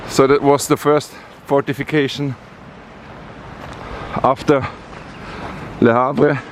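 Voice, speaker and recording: Slow, halting man vlogging outdoors. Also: medium pitch, level tone, a little hiss or hum. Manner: unhurried, halting, with many fillers. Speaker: travel vlogger. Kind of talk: casual vlog narration. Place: outdoors on a rainy coast.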